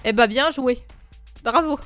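A high-pitched woman plays a brawling video game with a friend, rowdy and playful, laughing and shouting as she goes. Game music plays faintly behind her. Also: measured pace. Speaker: gaming YouTuber. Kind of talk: casual let's play chat.

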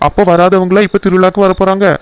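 A man voicing a caring young husband in a cartoon who gently reassures his wife. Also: high-pitched, completely flat delivery, fast, clean tone, natural voice. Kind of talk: cartoon voice acting.

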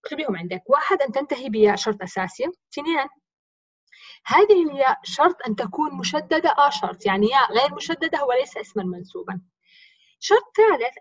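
A woman's voice: high-pitched, no room sound, lo-fi sound. A woman teacher with a Levantine accent, explaining grammar step by step by asking and answering her own questions in a recorded lesson. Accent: Levantine Arabic. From Jordan.

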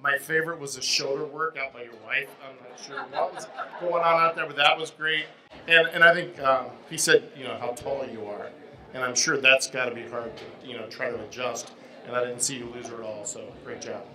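An enthusiastic male judge gives chatty live feedback in a ballroom. His mid-pitched voice has a bright, forceful edge. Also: steady tone, a little fast, low-quality recording. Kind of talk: live critique. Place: ballroom at a charity dance gala.

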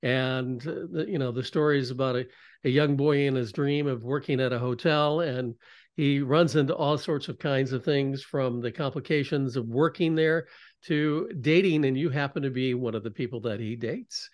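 A man's voice: medium pitch, moderate pace. An older man hosting a casual interview over a video call, asking friendly, rambling questions full of fillers. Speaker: interview host.

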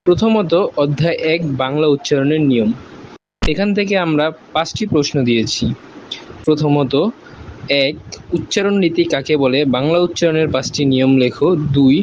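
A male teacher with a Bangladeshi Bengali accent, reading out a numbered list of exam questions in a steady, even way. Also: fairly high pitch, highs cut off, slight background noise.

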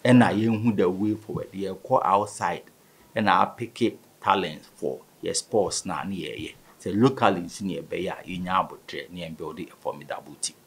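A man's voice: sits low, normal speed, vocal fry, husky. A man in his thirties with a Ghanaian West African accent, speaking conversationally as a guest in a sports interview. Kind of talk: conversational studio interview, mixing Twi and English. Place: small indoor studio. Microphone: studio microphone on table stand.

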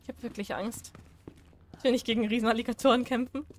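A woman's voice: a little high, fairly even intonation, fast, slight background noise. A woman giving casual let's-play commentary, chatty and jumpy, pleading and squealing when scared. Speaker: gaming streamer.

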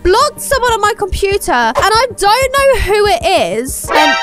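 A woman commenting on a game in an animated, exclaiming way, scolding a character. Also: very high-pitched, normal speed. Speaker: gaming channel host. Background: music.

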